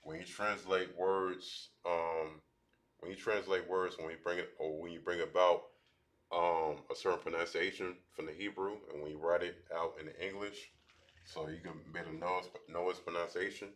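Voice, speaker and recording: A man teaching a language class at a board, talking in halting bursts with many restarts. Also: sits low, steady tone, a bit bright.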